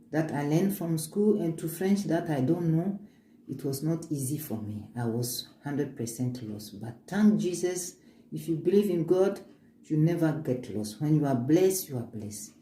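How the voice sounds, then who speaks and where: Slow and deep with a warm tone, a woman whose first language is African shows her homemade oils in an informal vlog, mixing English and French. Her manner is earnest and upbeat, she talks about faith, and she restarts frequently. The room sounds echoey, with faint ambient noise.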